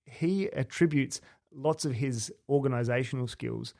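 A man hosting a casual conversational interview, talking reflectively with halting phrasing. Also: mid-range voice, gravelly, darkish tone. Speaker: podcast host interviewing a guest.

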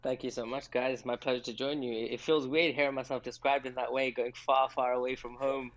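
A man's voice: medium pitch, level tone, brisk, lo-fi sound. A man in his twenties, a doctor raised in England, chatting casually as a podcast guest and laughing often. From Pakistan, raised in England.

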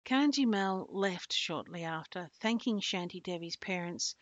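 A woman podcast host narrating a story in a steady, earnest reading voice. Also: lowish voice, a little slow, no echo. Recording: dull lo-fi dry recording.

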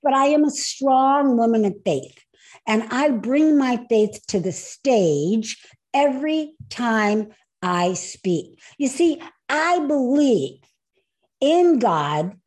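A woman hosting a podcast on speaking, telling a personal story with animated, emphatic delivery. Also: on the high side, slow. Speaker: podcast host and speaker coach.

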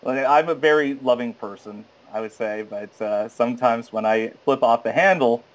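A man in his thirties, an actor chatting as an interview guest, animated, laughing often and slipping into voices. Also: mid-range voice, moderate pace, poor audio. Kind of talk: casual interview chat.

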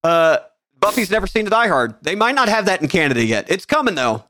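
Male podcast co-host, higher voice, animated delivery, jokey, dry close-mic sound. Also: fast talker, dry recording. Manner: joking, slips into goofy accents and impressions. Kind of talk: casual banter.

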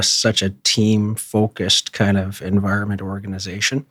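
A man in his fifties, a retired police inspector, telling stories in a relaxed, wry, self-deprecating way in a casual interview. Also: lowish voice, dry recording, clean studio sound. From Edmonton, Canada. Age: 50s.

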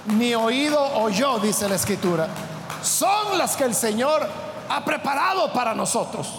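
A man preaching a sermon, retelling scripture in a conversational way, calling his listeners brother and breaking into shouts on key points. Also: extremely high pitch, big-room sound, slight background noise.

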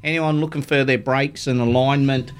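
A man's voice: mid-range voice, fairly even intonation, a little fast, a little hiss or hum. An Australian man hosting a radio show with casual, chatty talk.

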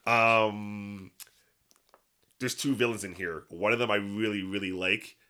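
A man's voice: fairly low pitch, steady tone, unhurried, sharp tone. A man giving his take on a film podcast in casual, slangy, slightly hesitant review chat.

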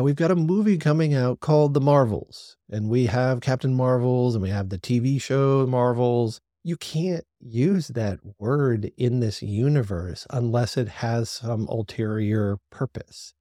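A man's voice: mid-range voice, mellow, no room sound, studio quality. A man hosting a solo review podcast, talking through his opinions in an analytical, opinionated way. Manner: opinionated, analytical, talks things through aloud. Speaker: podcast host reviewing a TV series.

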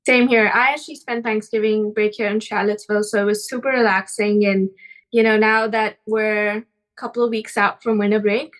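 A woman's voice: medium pitch, level tone, brisk, fairly bright tone, rough recording. A woman in her twenties from India, a student guest speaking reflectively in a conversational interview.

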